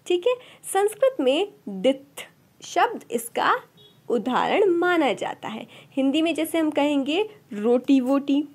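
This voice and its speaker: A woman's voice: high voice, animated, slow pace, darkish tone. A woman teaching an exam-prep lecture, asking rhetorical questions and answering them herself. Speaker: Sanskrit teacher.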